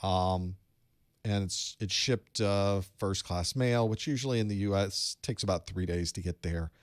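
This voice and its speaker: A deep-voiced man, speaking a little slowly without echo, hosts a live online study group from his electronics-filled home studio. He chats casually, gives instruction, and greets viewers with gentle jokes.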